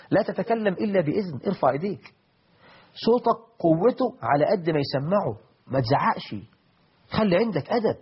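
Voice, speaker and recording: Husky Egyptian preacher, animated and high. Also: male voice. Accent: Egyptian Arabic. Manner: animated, mixes classical quotes with colloquial asides. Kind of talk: Islamic sermon. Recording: dull lo-fi audio.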